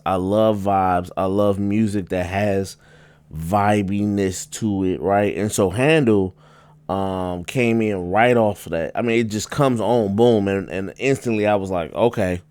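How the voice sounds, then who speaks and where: A man giving a casual spoken album review, rambling with many fillers and restarts, and jumping up in pitch for emphasis. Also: darkish tone, smooth, no echo.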